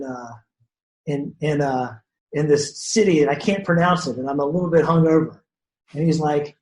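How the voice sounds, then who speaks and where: A man from the Shreveport area of Louisiana, a podcast guest telling casual stories with lots of fillers and restarts. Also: a little high. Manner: animated storyteller, many fillers and restarts. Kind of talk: casual storytelling chat. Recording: roomy echo.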